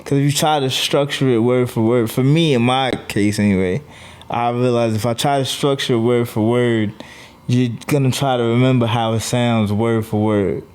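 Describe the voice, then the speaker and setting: A man guesting on a podcast as a comedian, telling stories in a relaxed way with lots of "like" fillers. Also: medium pitch, normal speed, clear, resonant tone. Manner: easygoing storyteller, lots of "like" fillers. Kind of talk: casual podcast chat.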